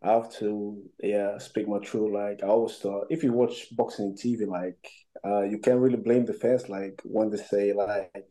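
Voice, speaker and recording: A man's voice: lowish voice, steady tone, normal speed, warm tone, poor audio. A young man from Cameroon, an amateur boxer, answering interview questions with many fillers and restarts.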